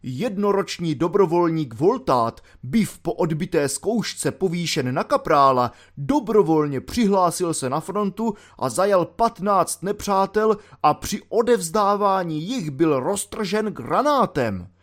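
Dude putting on a shouty pompous old colonel, big speeches, pitched way up. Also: male voice, animated, few pauses. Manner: roaring, bombastic speechmaking. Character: pompous bellowing older male army colonel.

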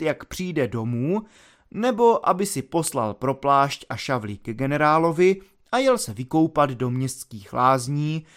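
A man narrating a classic novel in a steady, measured storytelling voice. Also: fairly high pitch. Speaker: audiobook reader. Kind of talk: literary narration.

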